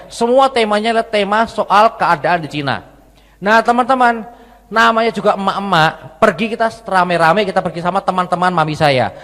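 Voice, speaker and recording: A male preacher in conversational sermon mode, weaving personal stories into his message and speaking to the congregation as friends. His voice sits a little high for a man. It rings out with a long hall reverb. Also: fairly bright tone. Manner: conversational, addresses listeners as friends, repetitive.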